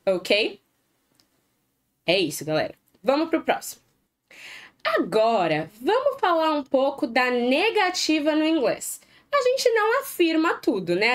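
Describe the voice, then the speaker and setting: A woman with a Brazilian Portuguese accent teaching an exam-prep English video lesson, asking students to repeat examples spoken slowly. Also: high-pitched.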